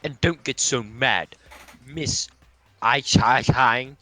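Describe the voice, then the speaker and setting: A man's voice: mid-range voice, takes it slowly, bright, forceful tone. A man voicing a mischievous, smug male bear headmaster in a fan reading, teasing everyone and calling them bro.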